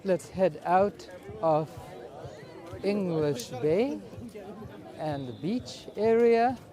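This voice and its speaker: A man giving casual, unhurried walking commentary as a live vlogger, speaking in short observational phrases outdoors. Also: high voice, expressive, dark tone. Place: outdoors at a busy beach and streets. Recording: outdoor crowd and street bustle. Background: crowd.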